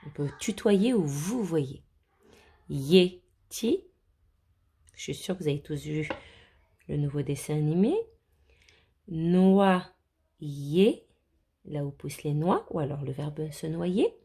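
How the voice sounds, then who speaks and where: A woman teacher takes young children through a reading lesson, sounding out each word slowly. Her voice is low, dark and a little husky, and her delivery is lively and coaxing. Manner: slow, clearly sounded-out words. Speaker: primary school teacher.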